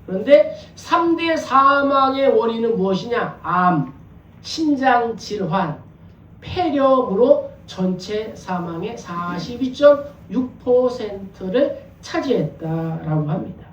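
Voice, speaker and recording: In a church sanctuary, a male pastor with a very high-pitched, expressive voice preaches slowly and conversationally, asking rhetorical questions and joking with the congregation. The recording is echoey, taken from a distance, with slight background noise.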